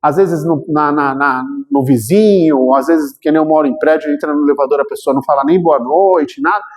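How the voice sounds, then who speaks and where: A guest speaker at a spiritual talk, this Brazilian Portuguese-accented man tells a story briskly in a fairly high voice. He brings it to life by acting out the quotes and keeps checking in with his listeners, and a long hall reverb surrounds him.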